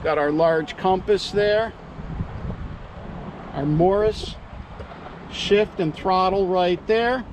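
Slow, high-voiced man touring a boat. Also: noisy background. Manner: upbeat salesman pitch, pointing out features. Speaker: yacht broker giving a boat tour. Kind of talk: walkthrough tour narration. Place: outdoors on a boat at a marina.

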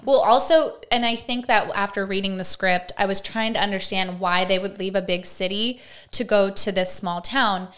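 Young woman, actress guest, casual podcast chat, animated, lots of "like". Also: medium pitch, normal speed. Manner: chatty, animated, heavy use of "like".

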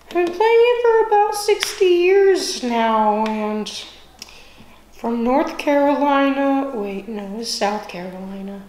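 Teenage boy as slow, high-pitched, spacey guitarist Todd. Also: expressive, darkish tone, heavily acted. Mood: spacey, muddled. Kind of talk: parody news interview character. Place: indoor music room, camera nearby. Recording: echoey room with faint noise.

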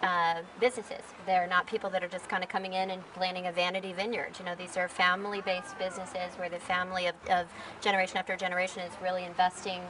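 A woman's voice: on the low side, flat delivery, fast talker, hardly any pauses, recorded from a distance, background noise. A woman interviewer speaking in an enthusiastic, talkative way. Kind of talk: casual interview. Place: outdoors at a winery.

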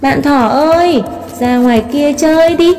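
A woman's voice: sits high, measured pace, pitched above the performer's own voice. A woman voicing a cheerful little butterfly in a storybook tale, coaxing in a sing-song way. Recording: long hall reverb, soft music behind.

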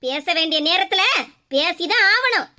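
A shrill scolding cartoon mother. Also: lively intonation, moderate pace, exaggerated voice. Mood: angry. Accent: Kanyakumari Tamil. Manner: sharp, scolding, sarcastic. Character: stern, scolding middle-aged mother. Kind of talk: cartoon comedy voice acting.

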